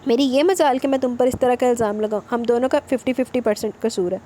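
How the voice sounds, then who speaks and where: A woman's voice: on the high side, dark tone, a little hiss or hum, lightly acted. A woman voicing a brooding young husband in a romance novel reading, earnest and lecturing. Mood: coaxing.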